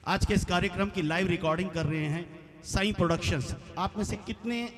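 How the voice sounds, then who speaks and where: Man, stage host, rousing crowd chants, fairly high voice, long auditorium reverb. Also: fairly quick, a little hiss or hum. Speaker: stage host of a devotional concert. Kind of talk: live stage announcing. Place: large auditorium, live event.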